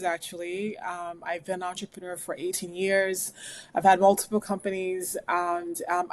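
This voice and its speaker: Woman in her 40s chatting as a guest, rambles a lot, lots of "like" and "you know". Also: medium pitch. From United States, West African family. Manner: rambling, animated storytelling with many fillers. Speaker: guest, lawyer and speaker. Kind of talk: conversational interview. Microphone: remote recording.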